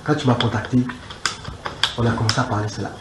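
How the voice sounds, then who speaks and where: A man telling his faith testimony in conversation, animated, often repeating and restarting his words. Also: mid-range voice, fast. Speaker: guest giving a religious testimony. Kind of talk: conversational storytelling. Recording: echoey room with loud background noise.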